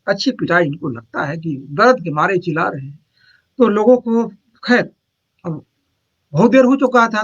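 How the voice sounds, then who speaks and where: A monk with a high, light voice tells a spiritual story in a loose, meandering way, repeating words and pausing on fillers. He keeps checking in with his listeners as he goes. The recording sounds dull and lo-fi. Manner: rambling, repetitive storytelling with frequent hesitations. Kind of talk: retelling a spiritual anecdote.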